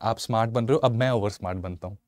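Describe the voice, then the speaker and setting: A man in his thirties from Punjab teaching a live online exam-prep lecture in a studio, animated and mixing Hindi and English while asking viewers questions. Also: on the low side, racing, dry recording. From Punjab, India. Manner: animated, switches between Hindi and English, asks viewers questions, gestures a lot. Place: studio in front of a slide screen. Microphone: lapel mic.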